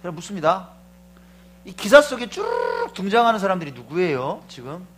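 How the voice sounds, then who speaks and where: A middle-aged male pastor preaching fervently, moving from hushed asides to shouted proclamations and often questioning the congregation. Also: sits high, very animated, a little fast, a little hiss or hum. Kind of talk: sermon.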